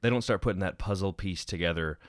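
Low-voiced guy on a pod, eager, laughs a lot, dry close sound. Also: no echo. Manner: enthusiastic, agreeable, quick laughs. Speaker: podcast co-host. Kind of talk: casual discussion.

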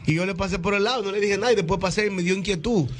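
A man's voice: sits high, a little hiss or hum. Man rattling off radio jokes. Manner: rattles off jokes quickly, acting out the characters. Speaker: joke teller on radio. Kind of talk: telling jokes on live radio.

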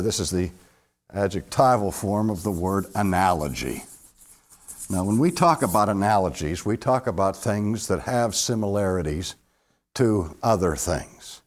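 A man giving a classroom theology lecture to a live audience, questioning listeners and swinging between loud emphasis and hushed low asides.

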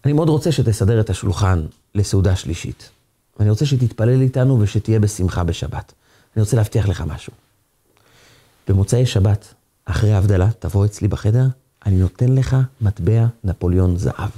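A man voicing a gentle, wise old rabbi who speaks in a soothing, reassuring way. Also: fairly low pitch, animated, slightly rough, pitched below the performer's own voice.

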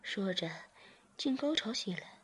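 A woman reading an adult story aloud in whispered role-play, hushed and unhurried. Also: mid-range voice, expressive, breathy edge.

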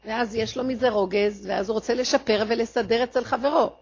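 A woman with a slightly high voice teaches a religious lecture, explaining her points in a measured way. The recording is a little dull and lo-fi. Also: steady tone, darkish tone, slight background noise.

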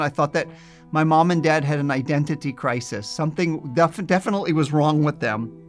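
A man from New Jersey, a scholar, telling his personal testimony in an animated storytelling way. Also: fairly high pitch.

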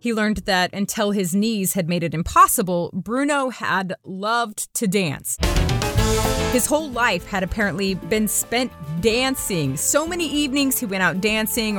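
A woman narrates a storytelling podcast, her pitch rising and falling in a lively, animated way. She breaks off for playful, chatty asides to the listener. Faint music plays underneath her voice.

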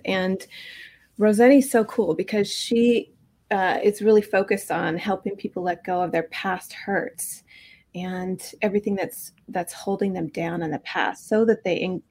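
Podcast co-host: woman, mid-pitched, loose and talkative. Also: measured pace. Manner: chatty, warm introductions with fillers. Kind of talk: casual podcast chat.

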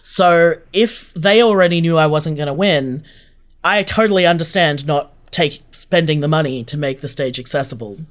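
A podcast creator with a voice on the high side, speaking at a moderate pace, appears as an interview guest. He answers casually in a chatty, informal way.

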